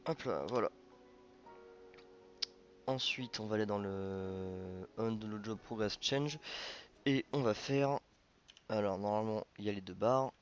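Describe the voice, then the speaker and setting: A man's voice: on the low side, unhurried, pauses often, dull audio, soft background music. A man hosting a programming tutorial, thinking aloud informally with many fillers and self-corrections. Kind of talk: casual coding screencast narration.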